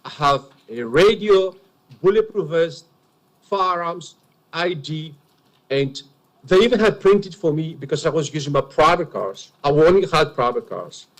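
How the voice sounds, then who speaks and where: Giving witness testimony at an enquiry, a native Greek speaker from Greece talks in heavily Greek-accented speech, earnest, emphatic, and confessional. His slightly high voice is animated yet unhurried, and the recording quality is poor.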